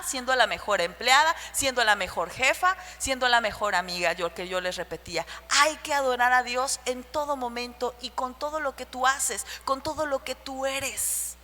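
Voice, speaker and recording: A woman preaching a sermon to the women of her church, with a shrill voice, sharing personal stories and asking the listeners rhetorical questions. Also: lively intonation, normal speed, few pauses, bright, forceful tone. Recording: church hall reverb with faint hum.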